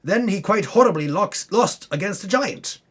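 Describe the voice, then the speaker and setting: A man with a high, expressive voice and a breathy edge reads a tabletop campaign recap at normal speed. He tells it theatrically, tossing in wry asides, with music playing beneath his voice.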